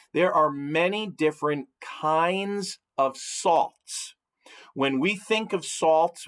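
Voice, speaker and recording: A man teaching a chemistry lesson to his students, walking them through the notes deliberately and stopping often to ask them questions. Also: medium pitch, fairly bright tone. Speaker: science teacher. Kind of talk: recorded classroom lecture.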